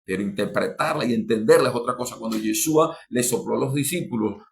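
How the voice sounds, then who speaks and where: A man preaching a sermon, fervent, with sudden rises in pitch and loudness, repeating and restarting phrases as he speaks to his listeners. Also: brisk, gravelly, slight background noise. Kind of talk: podcast sermon.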